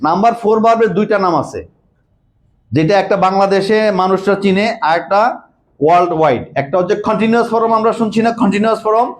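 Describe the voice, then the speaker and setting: A man teaching English grammar, repeating key words and quizzing the class with quick questions. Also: sits high. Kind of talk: classroom lecture.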